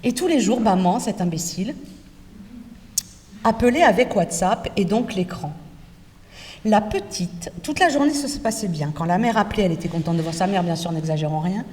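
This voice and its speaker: Woman lecturer, lively, rhetorical questions, distant mic, echoing lecture hall, faint background noise. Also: mid-range voice, normal speed. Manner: lively, addresses students directly with rhetorical questions. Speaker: lecturer in teacher training. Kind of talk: university lecture.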